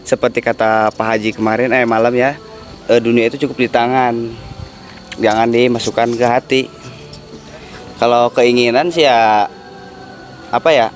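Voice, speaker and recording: A man's voice: mid-range voice, steady tone, moderate pace, pauses often, soft background music. A man, hesitantly answering interview questions as a camp participant. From Cianjur, West Java. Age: 20s. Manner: hesitant, searching for words.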